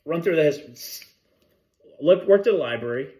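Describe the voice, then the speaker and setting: A man's voice: fairly high pitch, expressive, fairly quick, dark tone. A man co-hosting a podcast, talking in casual, rambling chat that often breaks off mid-thought, swearing freely. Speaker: podcast co-host.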